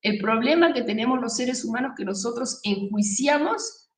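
A woman's voice: on the high side, lively intonation, moderate pace. Emphatic woman giving a spiritual talk. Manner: emphatic, preaching, with rhetorical questions. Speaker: spiritual speaker. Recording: echoey room, voice from far off the mic.

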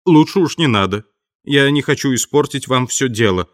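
A man's voice: mid-range voice, lively intonation, normal speed, pitched above the performer's own voice, close to an everyday voice. A man voicing a downtrodden male tramp who pleads and complains, close to tears, in an audiobook. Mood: pleading. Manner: plaintive, near tears.

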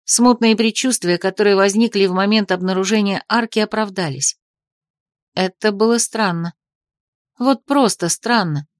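A woman narrating a romantic fantasy audiobook in the first person, with a wry, expressive reading. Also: medium pitch, normal speed, dry recording, clean studio sound.

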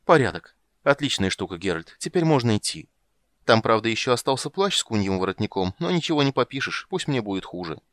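A charming, flustered bard chatters loudly with lively swings in his voice, voiced by a male narrator. He sounds raised and exclaiming. The sound is dry and close. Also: mid-range voice, a little fast, no echo. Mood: breezy.

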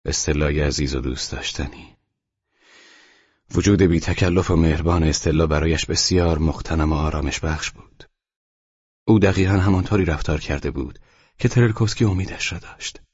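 A man narrating an audiobook in a calm, even reading, in a dull, dry studio recording. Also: very deep voice, slightly rough, dry recording. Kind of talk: scripted narration.

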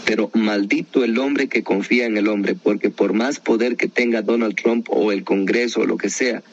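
A man's voice: fairly low pitch, normal speed, lo-fi sound, slight background noise. A man leading a Bible study in a conversational teaching style, often asking rhetorical questions. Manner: animated, asks many rhetorical questions.

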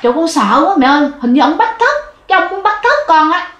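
A woman's voice: sits high, big pitch swings, fast, a bit bright, highs cut off, voice pushed up. A woman voicing a frightened four-year-old boy in a ghost story, pleading and repeating himself. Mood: scared. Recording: roomy echo.

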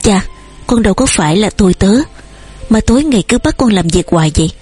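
A woman with a breathy voice reading the lines of a hurt young farm son protesting to his father. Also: medium pitch, animated, brisk, darkish tone, soft background music. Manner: choked, protesting.

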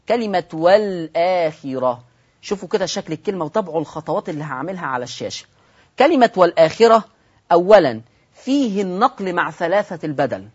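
A man with an Egyptian accent teaching Quran recitation on television, quizzing his listeners, repeating key points and slowing down to recite examples. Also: sits high, breathy edge. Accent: Egyptian Arabic. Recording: dull lo-fi broadcast audio.

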